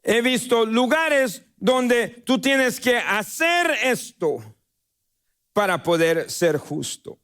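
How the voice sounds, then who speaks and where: In a church sanctuary, a pastor with a Guatemalan Spanish accent preaches a sermon, drawing out words for emphatic stress. His voice is very high-pitched and fairly bright, with big pitch swings and a clean tone.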